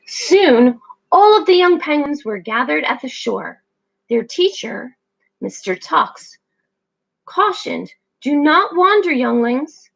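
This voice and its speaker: A woman teacher reading a picture book aloud to children, expressive and engaging. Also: sits high, slow pace, gravelly, rough recording.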